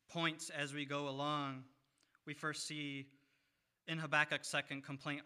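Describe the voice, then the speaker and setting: Guy preaching a sermon, bright clear voice, pretty flat delivery. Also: mid-range voice. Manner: measured, reads scripture aloud with pauses.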